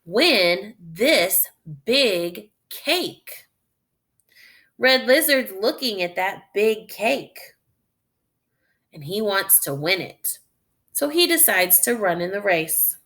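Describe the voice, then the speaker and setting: Her voice is mid-range and lively as she reads a story for children the way a teacher does, reasoning aloud and steering young listeners step by step.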